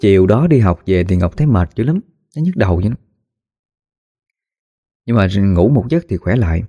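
A man narrating a spooky story in a folksy, animated way, acting out the voices of the people in it. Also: fairly low pitch, normal speed, slightly rough, no room sound, highs cut off. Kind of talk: spoken ghost story narration.

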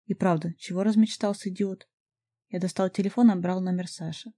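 A woman reading a first-person novel aloud as an audiobook, in an even storytelling manner. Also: lowish voice, a little fast. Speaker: audiobook narrator.

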